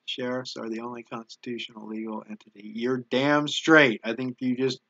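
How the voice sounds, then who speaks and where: Halting, dry-sounding man. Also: mid-range voice, little pitch movement, pushed and bright, no echo, muffled recording. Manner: halting, restarts often, easily moved by donations. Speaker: YouTube channel host reading viewer donations. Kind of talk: casual live-stream chat.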